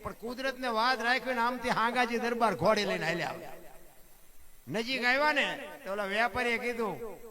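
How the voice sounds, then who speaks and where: High-pitched folk storyteller, man. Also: normal speed. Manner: keeps addressing listeners as "bapu", asks rhetorical questions. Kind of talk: live folk tale telling with moral preaching. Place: stage before a seated audience. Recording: live audience crowd audible.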